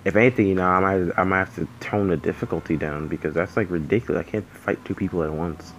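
A man with a low voice talks loosely over his gameplay, drowsy and yawning. He rambles and swears freely, with a faint hum of background noise behind him. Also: fast talker, rough recording. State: sleepy, yawning. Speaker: gaming channel host. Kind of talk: casual gameplay commentary.

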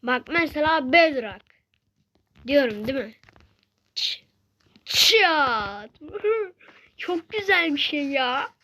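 A woman giving casual gameplay commentary, excitable and taunting, calling out to in-game enemies in slangy trash talk. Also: sits high, takes it slowly, pauses often. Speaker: gaming channel host.

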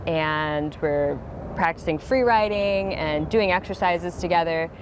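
A woman in her thirties talks casually and a bit nervously, poking fun at herself. Her voice sits fairly low. She is recorded outdoors on a clip-on mic, with faint background noise. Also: a little slow. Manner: chatty, nervous, self-deprecating. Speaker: comedy student, interviewee. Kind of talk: casual interview chat. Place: outdoors on a bench beside a sidewalk.

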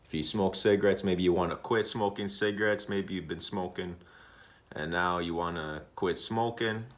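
Low-voiced vlogger in his thirties, loose and repetitive, room webcam sound. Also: moderate pace. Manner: rambling, repetitive, relaxed, with many uhs. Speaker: smoking vlogger. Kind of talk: casual smoking vlog. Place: indoor room.

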